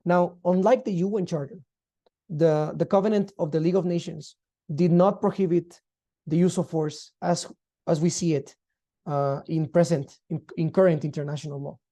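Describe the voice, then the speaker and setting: Very dark-voiced man lecturing. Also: a little high, fairly even intonation. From Guatemala. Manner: measured, formal, explanatory. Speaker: law lecturer. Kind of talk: online lecture.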